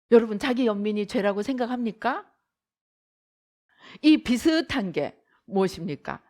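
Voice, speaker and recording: A woman's voice: fairly high pitch, a little mellow. A middle-aged woman pastor giving a dramatic sermon, acting out the voices she quotes.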